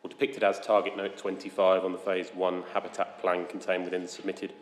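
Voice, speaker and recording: Low measured man in an echoey hall. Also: completely flat delivery. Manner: measured, methodical, hesitant fillers. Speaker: planning inspector. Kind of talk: formal public inquiry discussion. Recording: echoey hall, some background noise.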